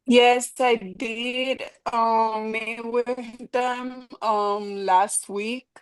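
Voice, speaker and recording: A woman's voice: fairly high pitch, little pitch movement, drawn-out words, no room sound. A woman answering questions hesitantly as an applicant at a public hearing. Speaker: bar manager applying for a license.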